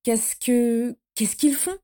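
A woman's voice: on the high side, fairly even intonation, slow, dark tone. A woman voicing a refined young witch in a fantasy audiobook, tense and uneasy, snapping when pushed. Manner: tense, pleading, then roaring in anger. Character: refined young witch, proud but frightened.

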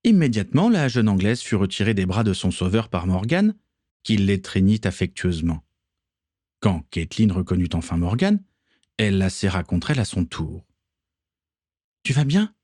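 A man reading a story aloud, narrating in an even, measured way. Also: deep voice, no echo, clean studio sound.

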